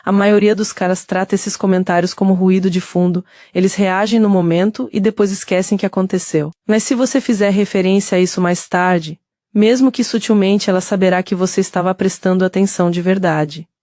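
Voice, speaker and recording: Woman, Brazilian Portuguese accent, scripted narration, steady explanatory delivery, mid-pitched, dry close sound. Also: fairly quick, dry recording. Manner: steady, explanatory, addresses the listener directly.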